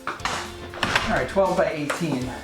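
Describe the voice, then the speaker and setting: A man's voice: fairly high pitch, takes it slowly, echoey room, over loud music. A man hosting his own project vlog, chatting casually and explaining each step as he works in his home garage. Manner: chatty and self-deprecating, explains steps as he works. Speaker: host of a DIY project channel.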